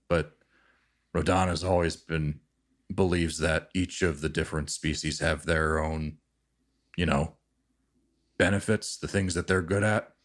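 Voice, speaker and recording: A man with a low voice acts as game master of a tabletop role-playing game. He explains the world in an improvised, halting way, feeling out his phrases as he goes.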